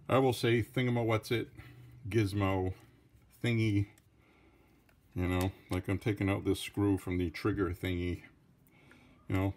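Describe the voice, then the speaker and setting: A Franco-American man with a French-Canadian accent, a hobbyist who tinkers with revolvers, gives a casual hands-on tutorial peppered with rambling, defensive asides. His voice is deep with a darkish tone.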